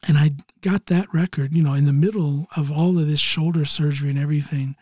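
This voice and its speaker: A man in his early fifties from Ohio, hosting a solo podcast while recovering from neck surgery, talking haltingly and clearing his throat often. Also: on the high side, steady tone, a little mellow, no room sound. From Ohio, USA. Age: 50s. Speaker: podcast host. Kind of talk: casual solo podcast monologue.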